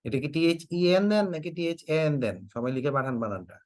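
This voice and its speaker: A man's voice: mid-range voice, big pitch swings, quick pace, no echo, clean studio sound. Bangladeshi man teaching English grammar. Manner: quizzing students, repeats prompts to type answers; joking mock threats. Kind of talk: online class lecture.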